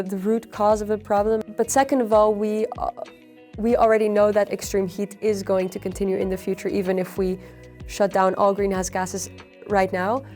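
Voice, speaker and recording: Even-toned young woman researcher explaining. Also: medium pitch. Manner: measured, even, with frequent fillers. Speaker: PhD researcher on extreme heat. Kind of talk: explanatory interview answers.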